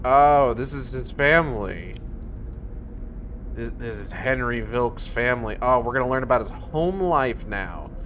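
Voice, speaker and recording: A man commentates on a game in a sardonic, sweary way. His pitch is average and his delivery is slow, with faint noise in the background. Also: expressive, a bit bright. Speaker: game streamer. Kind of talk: sarcastic running commentary on a game.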